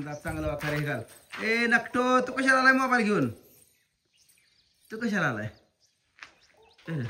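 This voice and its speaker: A man's voice: fairly high pitch, bright, forceful tone, slight background noise. A man vlogging at his village home outdoors, coaxing and scolding the children and calling out to them. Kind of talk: casual family vlog.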